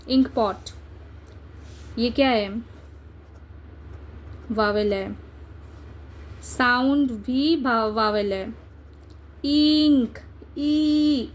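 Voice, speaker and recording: A young adult woman teaching an English grammar lesson, coaxing her students and checking often that they follow. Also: high voice. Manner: coaxing, checks understanding with repeated tag questions. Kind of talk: exam-prep grammar lesson.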